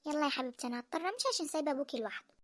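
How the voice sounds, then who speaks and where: A woman voicing a caring older mother gently advising her daughter in an Egyptian cartoon, with an Egyptian accent. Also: high voice, lively intonation, very fast, dry recording. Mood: gentle. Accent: Egyptian Arabic. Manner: soft, advising. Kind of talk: cartoon voice acting.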